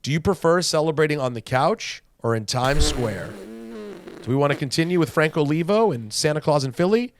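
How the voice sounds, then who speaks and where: A man's voice: on the high side, expressive, fairly quick, background noise. A man co-hosting a podcast in casual chat, playful and argumentative, telling stories in between. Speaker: podcast co-host.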